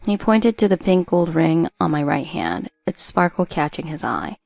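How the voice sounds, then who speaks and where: A woman reading a first-person drama story as a narrator in a steady storytelling delivery. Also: low voice, normal speed, gravelly, no room sound, faint music behind.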